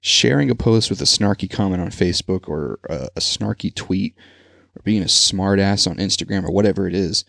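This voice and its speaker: A man's voice: low-pitched, fairly quick, gravelly, a bit bright, dry recording, studio quality. A man hosting a solo podcast, talking in an earnest, rambling, conversational way. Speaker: podcast host. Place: Texas.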